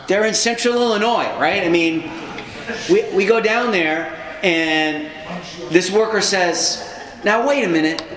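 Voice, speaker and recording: A man's voice: fairly high pitch, noisy background. A man telling stories about his years of political organizing in a conversational way, now and then acting out the people he met. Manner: animated, acts out quoted people. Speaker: socialist activist recounting past organizing. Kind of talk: conversational storytelling. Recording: echoey room, faint background ambience.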